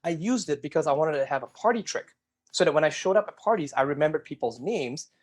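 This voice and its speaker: A middle-aged Singaporean man, a guest in an energetic interview, tells his life story and speaks straight to the viewers. His husky voice is on the high side, and he talks fast.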